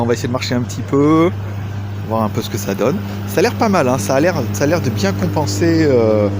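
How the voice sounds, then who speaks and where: Male tech reviewer, casual and jokey, slightly high voice with a very lively pitch. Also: background noise. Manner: chatty, joking, lots of fillers.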